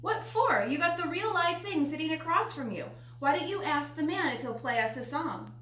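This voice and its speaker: Storybook grandmother, played by a woman: wise, upbeat, gently chiding, folksy, high-ish voice in a roomy space. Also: lively intonation, normal speed. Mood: chiding, encouraging. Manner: folksy, chiding yet encouraging. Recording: roomy echo, faint noise.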